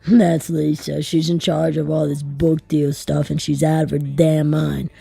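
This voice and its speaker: A woman doing a gravelly, husky young man. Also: low voice, level tone, measured pace, dark tone, no room sound, faint music behind, heavily acted. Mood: wry. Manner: wry, profane inner monologue. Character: brash, anxious young male author narrating. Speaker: audiobook reader. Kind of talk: scripted audiobook narration.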